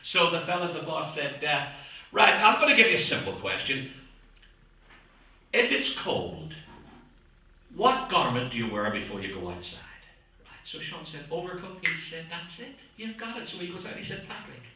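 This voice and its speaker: A man doing stand-up one-liners in a club, chatting to the audience as ladies and gentlemen. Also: a little high, big pitch swings, moderate pace. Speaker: stand-up comedian. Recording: echoey club from a distance. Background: audience laughter.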